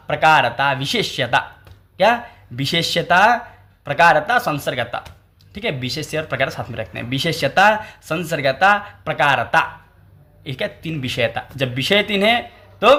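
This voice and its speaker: A man explains a classical text in a lecture. His voice sits a little high for a man. He keeps quizzing the listeners and then answers, repeating each technical word. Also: pushed and bright. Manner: asks questions and answers them himself, repeating key terms. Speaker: Sanskrit teacher.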